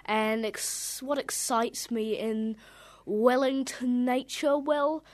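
A woman's voice: fairly high pitch, steady tone, slow, a little mellow, no echo. A young woman speaking thoughtfully and hesitantly as a guest in a casual interview.

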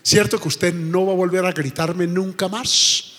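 A woman's voice: on the low side, fairly even intonation, a little slow. A male preacher voicing a fed-up middle-aged wife who keeps pressing her husband for a promise, in an insistent, pleading way. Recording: reverberant church hall.

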